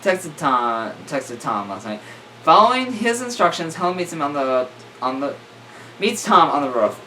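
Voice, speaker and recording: Guy reading a creepy story out loud, trips on words a lot, bouncy voice, kinda far from the mic w/ some hiss. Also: a little high, big pitch swings, normal speed. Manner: stumbling, self-correcting, joking asides. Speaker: reader. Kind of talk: reading a horror story aloud. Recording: distant mic with faint room noise.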